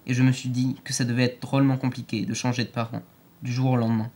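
A man reads an audiobook aloud in a clear, steady storytelling manner. His voice sits in a middle range for a man. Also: medium pitch, quick pace. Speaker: narrator. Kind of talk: audiobook narration.

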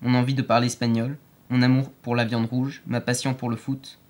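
A man reads an audiobook aloud in a clear, steady storytelling manner. His voice sits in a middle range for a man. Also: mid-range voice, a little fast. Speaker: narrator. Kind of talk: audiobook narration.

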